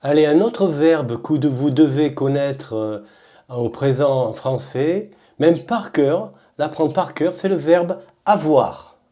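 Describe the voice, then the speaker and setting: Slow, deliberate French woman teaching verbs. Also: low voice, mellow. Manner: slow, emphatic, repeats each form twice. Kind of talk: slow, repeated verb-conjugation drill.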